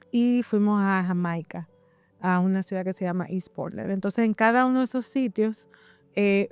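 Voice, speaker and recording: A woman's voice: medium pitch, clear, resonant tone, no echo. A woman instructor, talking conversationally and often searching for words as she explains academic work. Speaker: university instructor.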